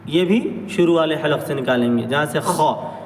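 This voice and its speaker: A man teaching a pronunciation lesson on Arabic letters, drawing out each sound slowly and carefully. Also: fairly high pitch. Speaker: Quran recitation teacher. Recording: echoey hall, mic at a distance, faint noise.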